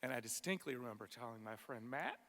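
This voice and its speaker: A man delivering a prepared funeral eulogy for a friend, tender and measured, in short phrases with weighted pauses. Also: medium pitch, expressive, sharp tone. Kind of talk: prepared memorial speech. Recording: long echoing reverb of a hall.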